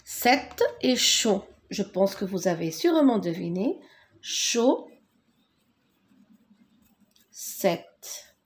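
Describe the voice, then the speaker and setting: A woman teaching a French lesson, spelling out words syllable by syllable and repeating them slowly. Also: medium pitch, sing-song.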